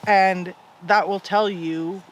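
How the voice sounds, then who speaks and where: High-pitched, emphatic Canadian man. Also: fairly even intonation, slow pace, a little hiss or hum, poor audio. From Alberta, Canada. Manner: emphatic, opinionated, uses rhetorical questions. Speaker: interview guest. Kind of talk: conversational interview answers.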